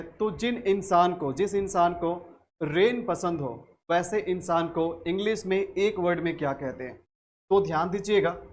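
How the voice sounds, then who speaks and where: High-pitched man, Indian English accent, Hindi-speaking vocabulary teacher who repeats words and quizzes himself. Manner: repeats each word slowly, asks and answers own questions.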